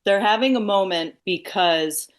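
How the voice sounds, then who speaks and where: A woman's voice: medium pitch, a little slow. A woman guesting on a podcast, chatting casually and sounding amused. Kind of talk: casual chat.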